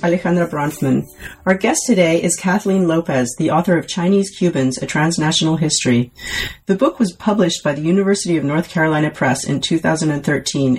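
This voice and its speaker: A woman's voice: low voice, a little mellow, rough recording. Woman hosting an academic book interview. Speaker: podcast host.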